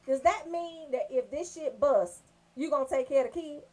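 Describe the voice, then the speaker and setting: This comedy radio host is a woman with a high voice talking at a moderate pace. She's brash and emphatic, spinning raunchy monologue and banter through animated storytelling punctuated by emphatic check-ins.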